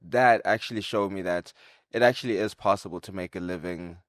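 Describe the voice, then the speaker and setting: A young man with a lowish voice talks through his story in a loose, easygoing way, peppering his lines with "like" and "right?". He comes from Zimbabwe and speaks as an interview guest. The sound is close and dry. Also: brisk, no echo. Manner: relaxed, conversational, uses "like" and "right?" often. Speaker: guest, content creator and videographer. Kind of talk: casual interview answers.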